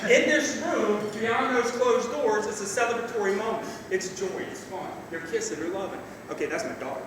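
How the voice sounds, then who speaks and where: A middle-aged man gives an informal father of the bride speech, plain-spoken, salty and emotional, with halting delivery. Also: sits high. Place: large reverberant reception room indoors. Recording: echoey hall, distant mic, noisy room.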